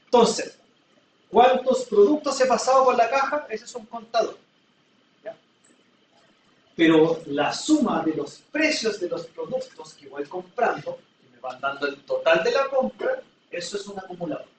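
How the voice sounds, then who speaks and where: An expressive, high-pitched man takes his time lecturing a class, using everyday examples patiently and checking in with students often. He's recorded from a distance in an echoey room, with a faint hiss or hum.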